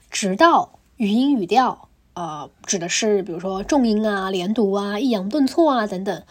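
A young woman hosting a podcast, explaining her study method step by step in a casual, lively way with frequent fillers. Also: medium pitch. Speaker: podcast host. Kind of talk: casual instructional monologue.

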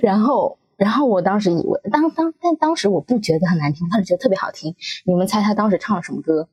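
On a podcast, a young woman in her twenties animatedly recounts a story, frequently laughing and performing the quotes. She speaks fast at a medium pitch, her voice slightly rough.

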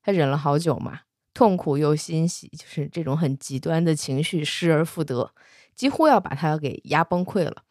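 A woman casually retelling a fantasy romance novel, chatty, with soft particles at the ends of her sentences. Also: deep voice, moderate pace, dry recording, studio quality. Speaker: storyteller.

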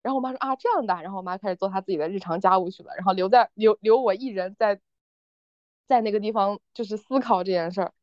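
Fast-talking woman, dry lo-fi sound. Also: mid-range voice, dry recording. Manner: animated storytelling, acting out quoted people. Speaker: podcast co-host. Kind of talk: casual chat. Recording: dull, dry, slightly lo-fi recording.

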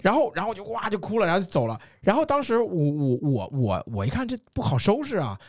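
A young man hosting a podcast, telling stories in a lively, rambling casual chat with lots of repeated words. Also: high-pitched, a little fast. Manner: lively storyteller, many repeated words and laughs. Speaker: podcast host.

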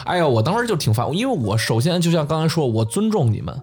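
A young man on a podcast, telling a story in an animated, excitable way. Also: fairly high pitch, fast talker, loud music behind the voice. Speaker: podcast co-host. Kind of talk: casual storytelling chat.

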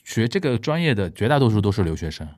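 He is a man hosting a casual interview at a quick clip. His lowish voice swings freely as he asks inquisitive questions and echoes the answers back. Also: sing-song, a crowd in the background. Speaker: interview host.

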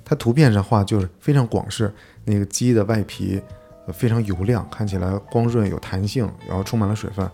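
Low gravelly-voiced man telling a story. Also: a little fast, soft background music. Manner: animated storytelling, acting out an argument with restaurant staff. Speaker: podcast co-host. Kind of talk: casual storytelling chat.

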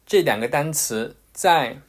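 A man's voice: mid-range voice, expressive, unhurried. A man teaching English pronunciation in a casual, patient way, with frequent fillers and restarts. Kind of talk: casual explanatory lesson.

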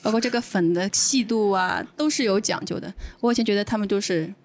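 A woman chatting casually on a podcast, telling stories in a quick, chatty way. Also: medium pitch. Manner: fast, chatty storytelling. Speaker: podcast co-host.

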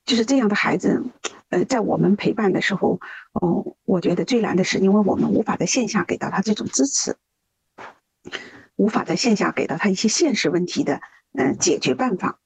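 Husky-voiced woman telling a case earnestly. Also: mid-range voice, animated, fairly quick, darkish tone, dry recording, rough recording. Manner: earnest, hesitant, many fillers. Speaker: rescue volunteer guest. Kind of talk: podcast interview storytelling.

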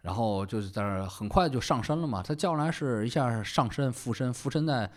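Man, podcast co-host, animated storytelling, very expressive pitch. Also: a little fast. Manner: lively, colloquial, acts out quoted characters. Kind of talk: casual storytelling chat.

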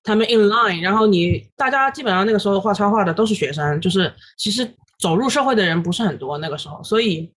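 A woman in her thirties, a guest illustrator on a podcast, recounting her story in an animated way with many fillers and English words dropped in. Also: medium pitch, fast, few pauses. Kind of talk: casual podcast interview.

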